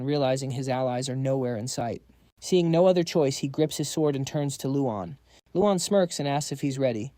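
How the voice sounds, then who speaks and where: Dark-toned man narrating a story recap. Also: mid-range voice, no room sound, clean studio sound. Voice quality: quips to the audience.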